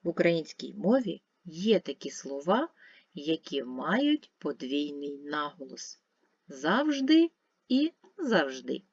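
A woman's voice: on the low side, breathy edge, no echo. A woman teacher giving a recorded lesson to young children, carefully repeating each word with its stress shifted. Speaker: primary school teacher. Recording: dull lo-fi sound.

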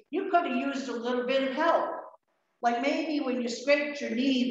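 In a church sanctuary, a woman delivers a children's sermon, telling a story and gently, slowly posing what-if questions to a child. Her voice is a little high. A lectern mic picked up by a far-off camera gives an echoey, dull sound with a bit of hiss or hum.

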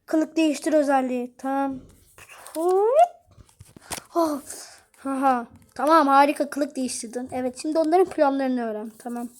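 High-voiced woman doing every character. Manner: quick switches between character voices; casual, playful, slangy banter. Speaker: YouTuber voicing all characters. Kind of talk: homemade episode acted out.

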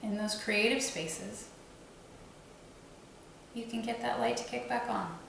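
Gravelly-voiced woman guiding a meditation. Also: a little high, a little hiss or hum. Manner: slow, soothing, gently instructive. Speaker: meditation guide. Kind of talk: guided visualization meditation. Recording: very echoey room, faint ambience.

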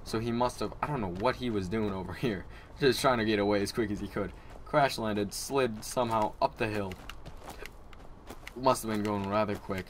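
A young man giving excitable let's play commentary as he plays, taunting and swearing at enemies. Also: lowish voice, moderate pace, a little hiss or hum. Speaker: gamer playing through an open-world game.

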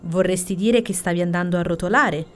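A woman voicing an arrogant, boastful female hare who taunts in a high, loud voice for a bedtime storybook. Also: brisk, lightly acted. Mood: mocking.

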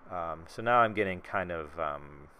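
A deep-voiced man with a Midwestern American accent chats his way through a painting session. He rambles, fills pauses with ums, and plays down his own work. A faint room ambience sits under his voice. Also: bright, forceful tone, a little hiss or hum. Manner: rambling, self-deprecating, many fillers. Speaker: artist. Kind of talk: casual painting commentary. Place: home studio.

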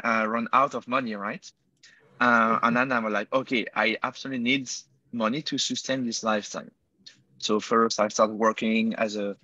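A young man in his 20s from Switzerland, a guest entrepreneur with a French accent, answers interview questions over a video call from an indoor room by a window. He's hesitant, using many fillers and correcting himself. His mid-range voice has a sharp tone, and the earbud recording has no room sound, with the highs cut off.

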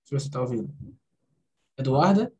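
A woman's voice: very deep voice, animated, normal speed, darkish tone, muffled recording. A woman with a Brazilian Portuguese accent, teaching an online English conversation class, switching between English and Portuguese and correcting pronunciation.

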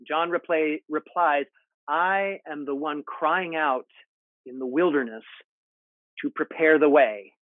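A man in his forties delivers a sermon from his home study, speaking slowly and deliberately in a somewhat high voice. The sound is narrow and phone-like, picked up by earbuds on a video call. The room sounds dry and close. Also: no room sound. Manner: measured, deliberate preaching with expressive hand gestures. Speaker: pastor. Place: home study with bookshelves, indoors.

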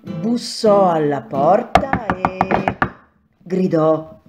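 A woman actress narrating a fairy tale for children, expressive and playful. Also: fairly low pitch, lo-fi sound, loud music behind the voice. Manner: slow, expressive, playful repetitions.

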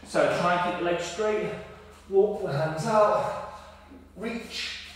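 A man's voice: high-pitched, slow pace. A man coaching a home workout, out of breath, explaining moves step by step in a casual way and correcting himself as he goes. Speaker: fitness coach. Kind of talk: workout instruction. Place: indoor home workout space. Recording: echoey room from far off.

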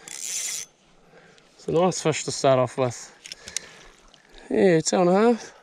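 A young New Zealand man, a fishing vlogger, gives excited, slangy running commentary while fishing by a high country pond outdoors. His voice sits high and slow with vocal fry, recorded casually on an action camera mounted on his body.

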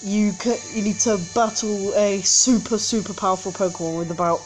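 A woman's voice: mid-range voice, fairly even intonation, normal speed, soft background music. A woman hosting a game channel, giving casual gameplay commentary indoors at home, rambling with frequent hesitations and self-corrections. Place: indoors at home, street outside.

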